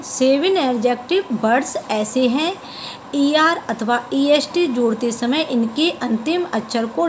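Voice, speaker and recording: A woman's voice: high voice, a little hiss or hum, low-quality recording. A woman teaching a grammar lesson, patiently repeating word forms and spelling them out.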